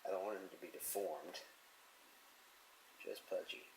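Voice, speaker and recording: A man's voice: low voice, fairly even intonation, unhurried, gravelly, a little mellow, slight background noise, rough recording. A man musing and chuckling to himself as he draws, talking casually about comics and his sketch. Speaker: artist drawing on camera. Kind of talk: casual narration while drawing.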